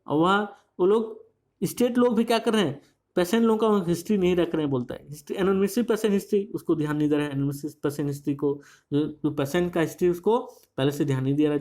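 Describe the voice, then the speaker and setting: Tutor, slow careful reading, rambling explanations, lots of repeats, mid pitch. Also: darkish tone. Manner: reads English slowly, explains at length with many repeats. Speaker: English teacher. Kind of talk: bilingual newspaper reading lesson.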